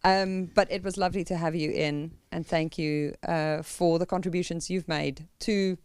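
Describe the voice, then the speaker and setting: A woman's voice: fairly low pitch, fairly even intonation, moderate pace, darkish tone, clean tone, no echo. A woman with a South African, Afrikaans-tinged accent, hosting a podcast in a playful, self-deprecating, chatty way. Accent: South African, Afrikaans-influenced. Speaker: podcast host. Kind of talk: casual, joking chat.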